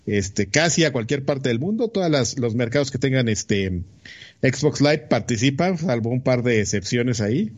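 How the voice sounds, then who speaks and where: A man's voice: mid-range voice, lively intonation, moderate pace. A man with a Mexican accent co-hosting a casual gaming podcast, talking in slang with easy swearing. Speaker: podcast co-host. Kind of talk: casual chat about gaming news.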